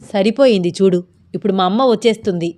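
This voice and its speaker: A woman's voice: mid-range voice, quick pace, a little mellow, lightly acted. Woman reading as a teasing young husband. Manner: coaxing, teasing.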